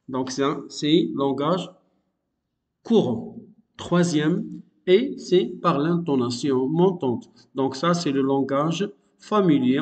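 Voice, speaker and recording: A man teaching a grammar lesson, explaining slowly and patiently with frequent fillers and repetition. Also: fairly high pitch, darkish tone, in a large hall.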